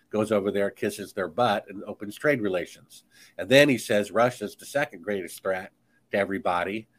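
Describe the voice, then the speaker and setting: A man speaking as a guest author in a podcast conversation, talking in an emphatic, insistent, preachy way. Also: lowish voice.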